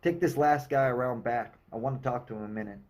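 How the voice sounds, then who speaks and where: A man's voice: medium pitch, quick pace, a little mellow, lightly acted. A man reading as a sarcastic young actress. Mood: dry. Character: sharp-tongued young actress, sarcastic and cool.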